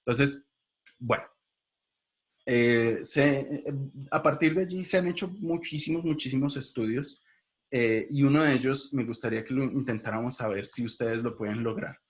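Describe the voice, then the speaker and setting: A man's voice: mid-range voice, normal speed. A man giving a video lecture as a linguistics teacher, explaining step by step and quizzing his viewers directly.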